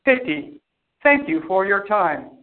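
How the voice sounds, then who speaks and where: A man's voice: sits high, big pitch swings, a little slow. A man voicing a cold, formal male artificial intelligence that speaks precisely and without emotion. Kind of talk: audio drama acting. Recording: tinny phone-like sound.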